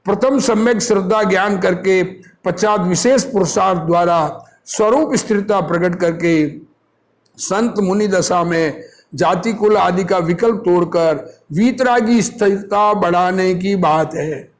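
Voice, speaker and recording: In a high voice and at a slightly slow pace, a man reads a religious discourse and explains it. His sermon is informal and didactic, marked by repeated phrases and rhetorical questions.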